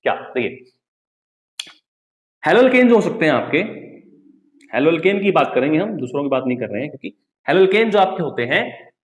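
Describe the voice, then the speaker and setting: A young man teaching chemistry with a slightly high voice. He fires off rhetorical questions, repeats his points and slips into a lower voice to mimic his students. The recording has a noticeable room echo. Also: sing-song, fast talker. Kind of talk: classroom-style lecture. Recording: echoey room.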